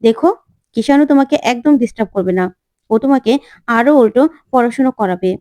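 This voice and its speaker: A woman's voice: fairly high pitch, expressive, fast, darkish tone, no room sound, natural voice. A woman voicing a middle-aged father who questions firmly and with concern.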